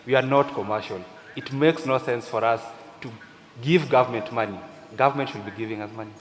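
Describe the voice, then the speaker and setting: A man makes his case as a panelist, emphatic and deliberate. His mid-pitched voice carries through a large, reverberant conference hall. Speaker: startup founder, panelist. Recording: echoey hall sound over PA.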